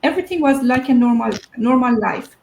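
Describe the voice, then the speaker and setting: A woman's voice: on the high side, fairly quick, creaky, a little mellow, echoey room, slight background noise, low-quality recording. A woman in her thirties from Iran, a guest telling her story over a video call, hesitant with many fillers. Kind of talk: online interview.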